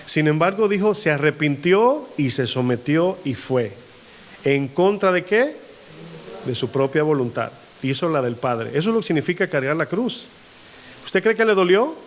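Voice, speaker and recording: A man's voice: on the high side, expressive, normal speed. A male pastor preaching a sermon. He keeps asking his congregation questions and acts out quoted voices in a rising tone. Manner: asks the congregation frequent call-and-response questions. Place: church hall.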